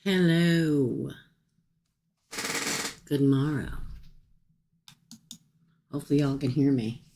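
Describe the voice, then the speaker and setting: A woman's voice: sits low, takes it slowly, warm tone, a little hiss or hum. A woman chatting casually and folksily as a livestream host, rambling to her viewers and talking with a swollen jaw and cheek after dental work. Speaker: livestream host offering paid psychic-style readings.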